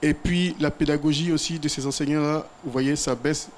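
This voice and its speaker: A man with a slightly high voice answers interview questions in a TV studio. He speaks in a measured, hesitant way, with faint noise behind him. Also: fairly even intonation. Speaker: guest, English teacher trainer.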